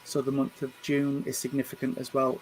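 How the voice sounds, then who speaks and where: A man, working as a medium and giving a spirit reading at a church service. He speaks gently and reassuringly, often stumbling over and repeating his words. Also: mid-range voice, completely flat delivery, a little fast, a little hiss or hum, rough recording. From England. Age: 50s. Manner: hesitant, repeats and restarts words.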